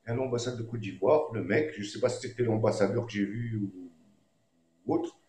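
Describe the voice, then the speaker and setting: A man's voice: mid-range voice, mellow, echoey room. A man who is a reggae singer and comedian, telling a story in a laid-back, slangy way with frequent fillers. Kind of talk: casual storytelling.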